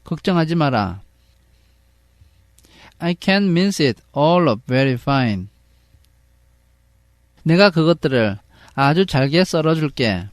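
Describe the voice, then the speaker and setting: A man reading the part of a fretful mother in a storybook, slowly and carefully, then translating each line into Korean. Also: fairly high pitch, dry recording, clean studio sound, full character voice. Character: fretful mother duck-hunter turned bird.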